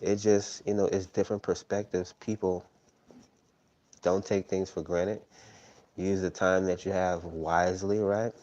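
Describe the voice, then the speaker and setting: Deep-voiced man, rambling live-stream talk. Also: little pitch movement, a little slow, mellow, dull audio. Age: 30s. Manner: rambling, tags sentences with "right?". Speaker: tarot reader hosting a live stream. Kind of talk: casual live-stream monologue.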